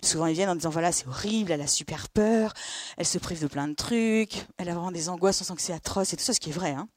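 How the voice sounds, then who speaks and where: A middle-aged woman from France, a therapist, telling lively stories to an audience and acting out the dialogue. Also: on the low side, no echo. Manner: lively, acts out dialogue with quick asides. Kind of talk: storytelling talk to an audience.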